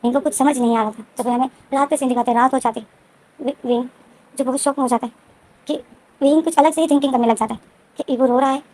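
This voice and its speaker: A woman's voice: high-pitched, steady tone, fast talker, darkish tone, low-quality recording. A woman casually retelling a story in a repetitive way, with frequent restarts. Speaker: story explainer.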